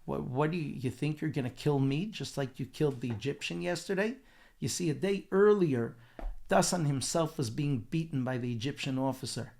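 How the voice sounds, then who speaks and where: A man, a rabbi, giving a weekly Torah portion talk and retelling the story in a lively way, acting out the quotes. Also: fairly high pitch. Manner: animated storytelling with acted quotes.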